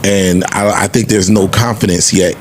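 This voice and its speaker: A podcast co-host with a low-pitched voice discusses the music business casually, speaking at a moderate pace in a steady tone. His speech is emphatic, slangy, and conversational.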